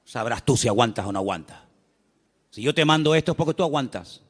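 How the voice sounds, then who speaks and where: A man's voice: medium pitch, expressive, fast talker, long reverb tail, pitched below the performer's own voice, lightly acted. A Canarian-accented preacher voicing the Lord as a stern, scolding male divine figure. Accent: Canarian Spanish. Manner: gruff, scolding.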